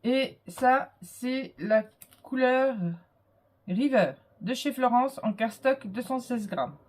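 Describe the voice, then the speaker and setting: A woman's voice: fairly high pitch, animated, slow pace, darkish tone. A woman with a cold presenting a handmade album in a casual show-and-tell, hesitant and full of fillers. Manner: hesitant, full of fillers and little "hop" interjections. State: has a cold.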